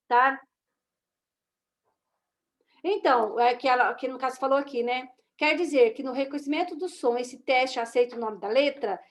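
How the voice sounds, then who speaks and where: A woman with a Brazilian Portuguese accent, lecturing to an online class and often checking in with her listeners. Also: high voice. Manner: conversational, with frequent tag questions to the class. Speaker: teacher of a course on reading and writing assessment. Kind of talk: online lecture walking through slides.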